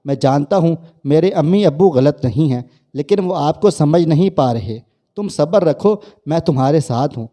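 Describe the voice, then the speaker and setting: A man voicing a gentle, loving young husband who speaks softly in a family story. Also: a little high, animated, natural voice. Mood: tender. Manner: soft, tender.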